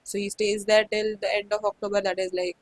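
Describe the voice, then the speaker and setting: A woman with an Indian accent talks through her recent reads in a loose, chatty way. She leans on "like" and "you know" and drops into Hindi for quick asides. Her pitch sits in a middle range. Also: little pitch movement, no echo, low-quality recording. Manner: chatty, many "like" fillers, mixes in Hindi phrases. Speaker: book vlogger. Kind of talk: casual book review chat.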